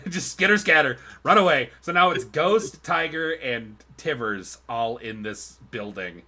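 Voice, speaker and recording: A man's voice: medium pitch, expressive, unhurried, sharp tone, slight background noise. A man narrating as game master of a streamed tabletop game, rambling with fillers and restarts. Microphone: streaming mic.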